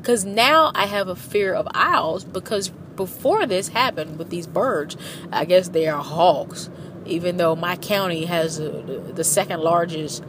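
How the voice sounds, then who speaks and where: A woman vlogger chats casually and animatedly while driving in traffic, swearing freely as she tells stories from her car. Her voice is fairly low and her pace measured. Faint car and road noise can be heard.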